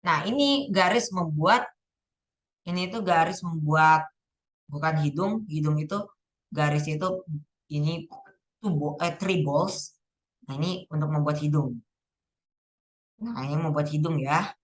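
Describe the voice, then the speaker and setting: Teen girl, slightly low voice, casual, self-correcting, thinking aloud over exam questions. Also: unhurried, long pauses, poor audio. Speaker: student going over exam answers. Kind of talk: casual spoken exam walkthrough.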